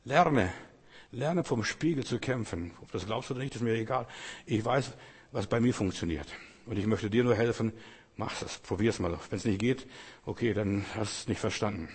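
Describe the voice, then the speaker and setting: A man's voice: lowish voice, moderate pace, breathy edge, big-room sound. A man preaching a sermon, addressing his listeners directly in an insistent, exhorting way.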